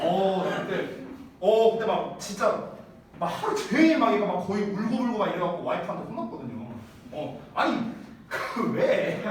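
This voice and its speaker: Chatty guy teacher in his 30s, voice jumps all over, mic kinda far, faint hiss. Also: sits high. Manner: chatty, animated, asks students rhetorical checks. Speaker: English teacher. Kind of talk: casual classroom lecture. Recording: echoey room from far off, faint noise.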